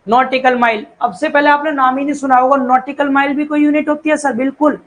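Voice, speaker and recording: A man's voice: very high voice, little pitch movement, a bit bright, poor audio. A man teaching an online exam-prep lecture, often repeating key terms and calling his students brother or child. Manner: reads English definitions slowly, then explains in Hindi. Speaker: civil engineering teacher.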